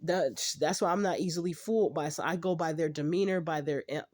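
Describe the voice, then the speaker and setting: A woman's voice: deep voice, a little fast, darkish tone. A woman ranting to her vlog audience in a profane, heated, blunt way. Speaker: channel host. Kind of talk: angry personal rant vlog.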